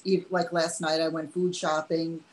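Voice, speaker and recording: A woman talks casually as an interview guest. Her voice sits a little low in pitch. There is faint noise behind her in the recording. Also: little pitch movement, normal speed. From New York, United States. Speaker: podcast guest, miniaturist. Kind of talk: casual chat. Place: home studio.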